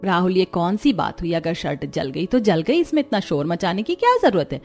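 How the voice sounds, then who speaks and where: A woman's voice: fairly low pitch, sing-song, brisk, faint music behind. A woman voicing a kind, caring middle-aged mother-in-law who speaks soothingly but firmly. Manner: soothing, gently firm. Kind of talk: cartoon story voice acting.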